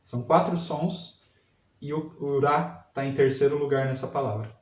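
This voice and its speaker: A man teaching a literacy lesson, sounding out syllables slowly and repeating each word. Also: mid-range voice, fairly even intonation, far from the mic. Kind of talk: slow spelling lesson for adult learners. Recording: echoey room, voice set back from mic.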